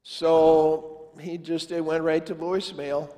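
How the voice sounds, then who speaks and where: Slow and mellow, with a fairly high pitch that barely moves, an older pastor tells a family story in a folksy, chatty sermon and acts out the conversation. The recording, made before the altar of a large sanctuary, has a long church reverb.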